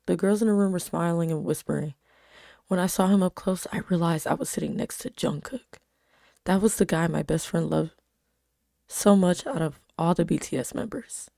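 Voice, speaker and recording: A woman's voice: on the low side, creaky, dark tone, no echo, studio quality. A woman reading her own old fan fiction aloud with casual asides, a little embarrassed and self-critical. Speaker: amateur author reading own old stories.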